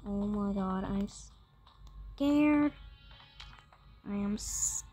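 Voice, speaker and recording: A woman giving casual let's-play commentary, excitable and jumpy, repeating her words as she chatters. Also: mid-range voice, very slow, soft background music. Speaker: gamer.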